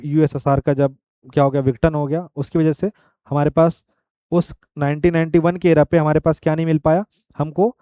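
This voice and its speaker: A male teacher with a fairly high, mellow, smooth voice gives an exam-prep lecture, working through the material step by step and often checking in with the class with "ठीक है." He's recorded close and dry, with no echo.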